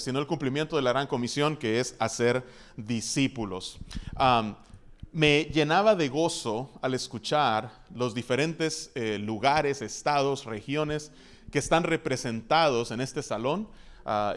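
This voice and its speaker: Smooth-voiced man emceeing a church conference. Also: medium pitch. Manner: measured, churchly phrasing with frequent "eh" pauses. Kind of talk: formal introduction speech. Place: conference hall.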